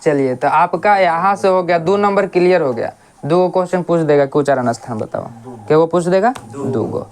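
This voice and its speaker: A coaching teacher gives a casual grammar lesson. They ask questions, answer them themselves, and repeat sounds slowly to show them. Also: medium pitch, darkish tone.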